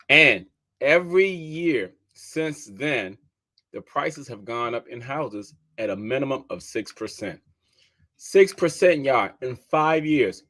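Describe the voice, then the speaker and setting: A man's voice: medium pitch, fairly bright tone. Dc-guy hosting a podcast, chatty, says y'all a lot, keeps repeating his numbers. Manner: conversational, addresses listeners as y'all, repeats figures for emphasis. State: keeps sneezing. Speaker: podcast host and real estate agent. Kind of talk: casual talk to listeners.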